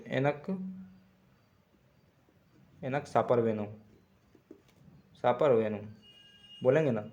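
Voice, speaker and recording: Halting Hindi-speaking male tutor. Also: mid-range voice. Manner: halting, self-correcting, repeats words slowly. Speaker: language teacher. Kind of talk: casual spoken lesson. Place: Tamil-speaking region.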